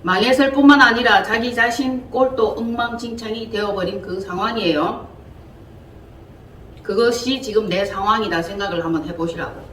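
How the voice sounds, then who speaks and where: A woman leading an interactive Bible lesson, talking in a lively, colloquial way and quizzing her listeners. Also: mid-range voice, normal speed. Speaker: Bible teacher. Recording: echoey room from far off, faint hiss.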